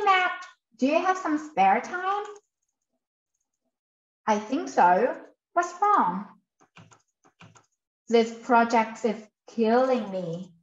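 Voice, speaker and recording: High-voiced woman drilling English phrases. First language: Vietnamese. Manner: slow, careful drilling of example sentences, repeating each one. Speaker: English teacher. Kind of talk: online language lesson. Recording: roomy, slightly muffled sound.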